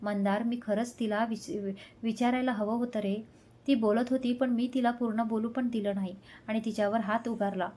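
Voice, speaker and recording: A woman reading the part of a passionate, quick-tempered young man in a spoken love story, with intense, heated delivery. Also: on the high side, fairly even intonation, mellow, lightly acted. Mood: remorseful.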